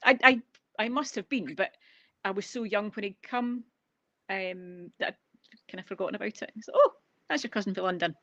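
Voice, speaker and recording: A woman's voice: mid-range voice, normal speed, long pauses, bright, forceful tone, dry recording, muffled recording. A woman with a Scottish accent, a guest photographer, telling family stories in a chatty way with frequent ums and restarts. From Scotland. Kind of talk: casual conversational interview. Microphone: video call.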